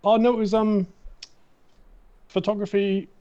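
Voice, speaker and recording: A middle-aged Australian man, a guest in a casual interview, telling stories in an animated way and acting out the voices of the people in them. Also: high voice, a little slow. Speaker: guest, matte painter. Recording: dull, muffled recording.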